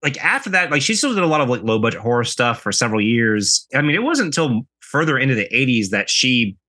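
A man chats casually as a tabletop player. He loops through "like" and "I mean" while his points wander. His voice is bright and swings freely in pitch. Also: big pitch swings, fast. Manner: rambling, hedging with "like" and "I mean". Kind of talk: casual chat.

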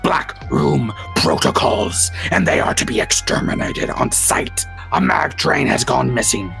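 A man's voice: mid-range voice, sing-song, measured pace, vocal fry, sharp tone, soft background music, heavily acted. A man voicing an undead skeletal captain who gives a stern official announcement over a ship's comms. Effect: ship-wide comms announcement. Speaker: game master.

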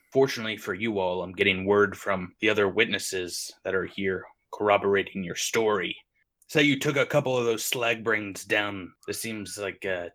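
A man's voice: lowish voice, pushed and bright. A man doing a stern station sergeant. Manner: stern, officious. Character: gruff adult male station security sergeant.

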